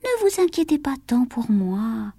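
An innocent young princess speaks lightly and a bit higher as a woman puts her on, naive and trusting. A gentle storybook heroine. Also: very animated, measured pace, dry recording, exaggerated voice. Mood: earnest.

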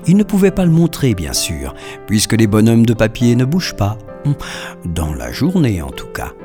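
A man narrating a children's story in an expressive, storytelling manner. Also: fairly low pitch.

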